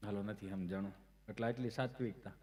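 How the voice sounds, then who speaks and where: A man telling comic stories on stage, chatty and anecdotal, acting out the other people's voices and breaking into loud chanted verse. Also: lowish voice, steady tone, quick pace. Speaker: folk comedian and storyteller. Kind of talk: Gujarati comic storytelling on stage.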